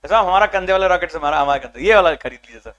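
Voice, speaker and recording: A man's voice: sits high, animated, very fast, fairly bright tone, lo-fi sound. A man mimicking a haggling male arms seller who pushes his rockets on a buyer. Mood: wheedling. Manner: wheedling salesman.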